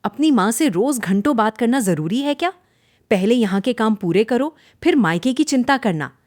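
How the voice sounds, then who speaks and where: A woman putting on a nagging older mother-in-law from a cartoon, her voice pitched high and loud, sharp with taunts. The recording is dry and close. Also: lively intonation, moderate pace, no room sound, natural voice. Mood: taunting. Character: stern scolding older Indian mother-in-law.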